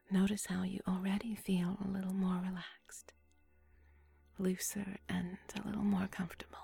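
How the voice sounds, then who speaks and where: Breathy whispering woman, mellow and unhurried, soothing guided relaxation read; dry close mic. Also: medium pitch, no echo. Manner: slow, soothing, hushed.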